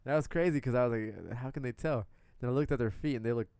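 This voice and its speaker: A young Puerto Rican man co-hosts a podcast, telling stories casually in blunt, swear-heavy language. His medium-pitched voice is gravelly yet smooth, and he talks fast, retelling events animatedly with quoted asides. The recording is dry.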